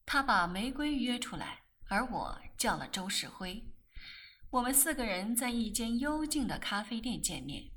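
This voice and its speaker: A woman reading a novel aloud in expressive, animated storytelling narration. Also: fairly high pitch, moderate pace, breathy edge. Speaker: audiobook reader.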